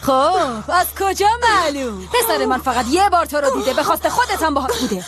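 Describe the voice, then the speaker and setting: A woman's voice: high voice, big pitch swings. A scornful, bossy older mother. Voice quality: cutting, scolding delivery. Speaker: mother-in-law figure in a dubbed series. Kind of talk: dubbed TV drama acting.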